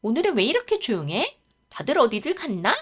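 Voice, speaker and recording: Woman doing a shrill furious young daughter. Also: sing-song, normal speed, husky. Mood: puzzled. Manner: shrill, shouting outbursts. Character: wild-tempered young daughter, shrieking and furious.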